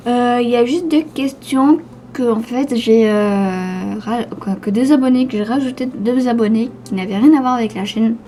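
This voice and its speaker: A teenage girl with a slushy lisp on her s sounds, talking casually and haltingly as she answers questions in a vlog. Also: on the high side, mellow, slight background noise. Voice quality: slushy lisp from new dental brace. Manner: hesitant, stumbling over words. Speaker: YouTube gamer answering viewer questions.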